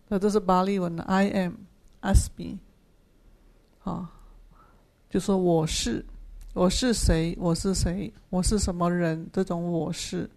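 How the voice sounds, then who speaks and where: A Buddhist sutra teacher giving a dharma class, patiently explaining Pali terms, repeating key phrases and filling pauses with drawn-out "ah"s. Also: medium pitch. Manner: patient explaining of Pali terms, asks and answers own questions.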